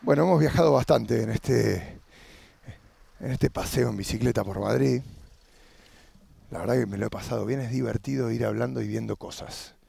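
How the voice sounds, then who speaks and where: A man with an Argentine accent, hosting a podcast as a casual monologue while riding a bicycle outdoors, thinking aloud with pauses mid-phrase. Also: mid-range voice, vocal fry, warm tone, breathy edge, no room sound. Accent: Argentine Spanish. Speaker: podcast host.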